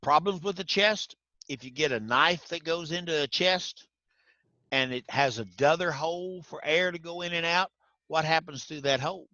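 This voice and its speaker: Bright-voiced man teaching class. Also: fairly high pitch, normal speed, no echo, highs cut off. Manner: folksy, quizzes students by name. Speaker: instructor.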